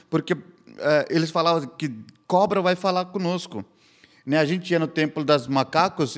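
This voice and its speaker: On a podcast, an Indian man who is a missionary guest earnestly tells his own story in plain, slightly broken Portuguese. His pitch is fairly high, and the conversation takes the form of a personal testimony.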